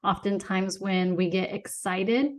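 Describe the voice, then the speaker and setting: A woman's voice: mid-range voice, steady tone, a little slow. A woman hosting a podcast, talking in an affirming, conversational way with her guest. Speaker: podcast host. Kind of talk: casual podcast interview.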